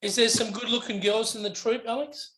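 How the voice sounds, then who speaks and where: A man's voice: extremely high pitch, fairly even intonation, a little fast, sharp tone, a little hiss or hum, low-quality recording. A man in a casual group chat on a video call, ribbing the others with crude, swearing banter. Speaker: club member.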